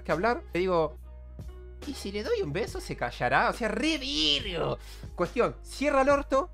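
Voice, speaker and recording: A young man in his twenties with an Argentine accent, a streamer telling a crude, self-mocking story to his chat with lots of slang. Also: high voice. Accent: Argentine Rioplatense Spanish. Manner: animated, crude slangy banter, laughs at himself.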